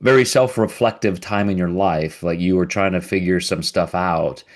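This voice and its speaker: Deep-voiced man in a casual chat. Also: normal speed. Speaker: podcast co-host. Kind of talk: casual conversation.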